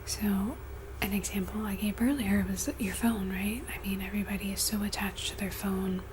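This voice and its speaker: A woman in a whispered role-play, speaking gently and intimately right in the listener's ear, guiding in an unhurried, soothing ASMR style. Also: mid-range voice, fairly even intonation, noisy background. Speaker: ASMR host playing a friend giving reiki.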